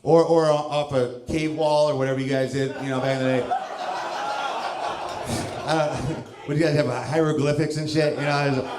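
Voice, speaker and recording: A man's voice: fairly high pitch, fairly even intonation, normal speed, echoey room, crowd noise. A stand-up comedian in his thirties from St. Louis, with a loose, self-mocking delivery and chuckles between lines, on a club stage with a handheld mic. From St. Louis, Missouri, USA. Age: 30s.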